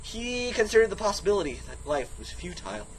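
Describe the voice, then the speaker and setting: Over background music, a man with a high-pitched, sing-song voice reads a text game aloud for viewers at a fairly quick pace, dramatic and playful. He rambles, sings bits, and breaks in with goofy, theatrical ad-libs, all on a rough recording with a little hiss or hum.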